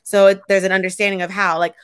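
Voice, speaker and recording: A woman's voice: medium pitch, little pitch movement, smooth, dry recording. Reflective woman in dry-sounding chat. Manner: reflective, halting, restarts mid-sentence. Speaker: podcast co-host, dance and Pilates teacher. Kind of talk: casual chat.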